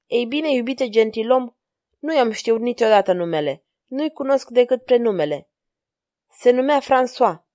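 A woman's voice: fairly high pitch, animated, warm tone, no echo, lightly acted. A woman reading the lines of an elegant, ironic masked woman in an audiobook, her voice close and dry.

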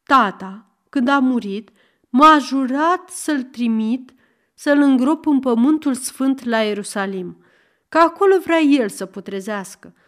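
Woman putting on a wailing old merchant man. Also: animated. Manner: wailing, shrill, loud.

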